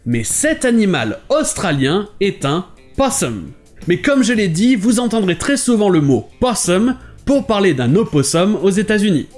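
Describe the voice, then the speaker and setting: High, lively male language teacher. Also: a little slow, soft background music. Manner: clear, didactic delivery, switching between languages. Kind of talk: short explainer lesson.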